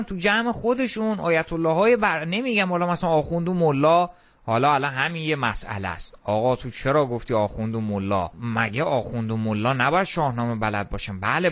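High-voiced young man ranting casually. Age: young adult. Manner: animated and emphatic, with frequent quoted asides. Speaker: commentator who has attended radio meetings. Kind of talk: casual opinionated monologue.

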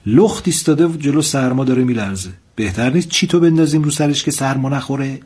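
A man voicing a soft-hearted, naive villager in a spoken folktale, talking in a tender, pleading way. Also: mid-range voice, breathy edge, close to an everyday voice.

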